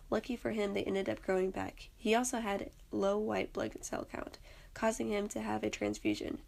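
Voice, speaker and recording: Young woman reading a story, gravelly. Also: medium pitch. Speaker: student narrator. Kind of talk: personal story read aloud.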